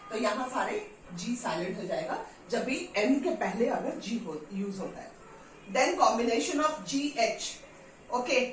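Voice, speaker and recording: An Indian woman teaching English pronunciation in a casual lesson, drilling example words aloud over and over. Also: high voice. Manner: repeats example words loudly, drills them. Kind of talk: casual spoken lesson mixing Hindi and English. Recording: echoey room, voice from a distance.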